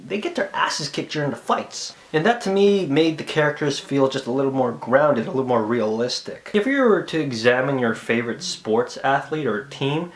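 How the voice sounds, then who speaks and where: A man talks through a movie review in a casual, animated way, at an ordinary middle pitch. He acts out what people said and now and then sinks into a hushed whisper for an aside. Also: moderate pace, few pauses.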